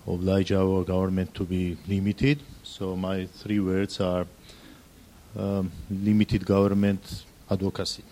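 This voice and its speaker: A man introducing himself at a workshop in a measured, slightly halting way. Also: low voice, monotone, warm tone. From Georgia. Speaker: think tank representative.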